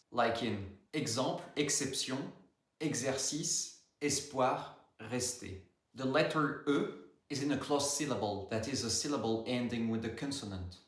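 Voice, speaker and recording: A man's voice: medium pitch, fairly bright tone. Man teaching French in an echoey room. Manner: slow, careful example words. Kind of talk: scripted lesson narration.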